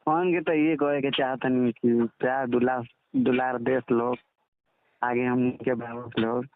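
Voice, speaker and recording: A comedian guest with a Bhojpuri accent chats casually on a recorded phone call, eager and agreeable, often repeating short affirmations. His medium-pitched voice is level and measured in pace.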